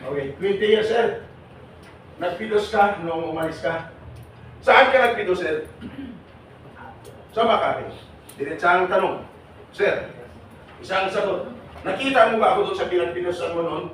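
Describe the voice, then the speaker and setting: A man leading a seminar for overseas workers, teasing and questioning the audience in a lively way. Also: high-pitched, normal speed, pauses often. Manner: teasing, jokey, calls on audience members. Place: large hall with audience. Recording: echoey hall, voice from far off, noisy.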